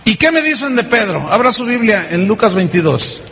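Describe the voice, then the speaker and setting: A man's voice: sits high, big pitch swings, normal speed, fairly bright tone, big-room sound, a little hiss or hum. A male pastor delivering a sermon, preaching emphatically and firing rhetorical questions at the congregation.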